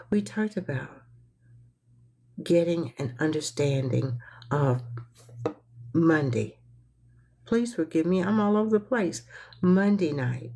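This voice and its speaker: A woman's voice: sits low, dark tone, husky. A woman hosting a live-streamed motivational talk, congested and stuffy-nosed, who repeats her phrases and coaxes her audience to respond. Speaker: livestream host.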